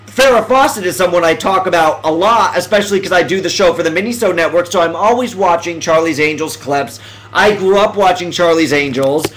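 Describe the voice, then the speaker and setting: A man hosting a live video stream, chatting in a rambling, excitable way with many restarts, feeling emotional. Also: sits high, fairly quick, poor audio. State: emotional, close to tears. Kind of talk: casual live-stream chat.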